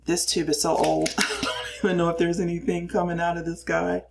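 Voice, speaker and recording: A woman's voice: on the low side, level tone, a little fast, gravelly, very noisy. An older woman chatting casually through her makeup routine in a cramped little space, explaining as she goes and poking fun at herself. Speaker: makeup reviewer.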